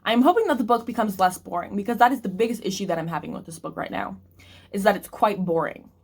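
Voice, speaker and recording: A woman's voice: medium pitch, expressive, fast, vocal fry, husky. A woman book vlogger chatting casually to camera and thinking aloud with restarts, eating snacks between sentences. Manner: eating snacks while talking.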